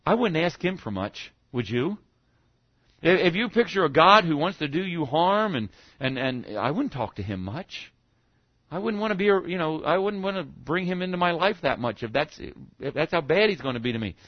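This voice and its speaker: A man delivers a sermon in a fairly high voice, talking casually and tossing rhetorical questions to his listeners. He stumbles into restarts now and then. The sound is dull and muffled, with a dry, close feel. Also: very animated, moderate pace, no room sound. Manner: conversational, frequent "okay?" check-ins and rhetorical questions; stammering restarts. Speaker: pastor.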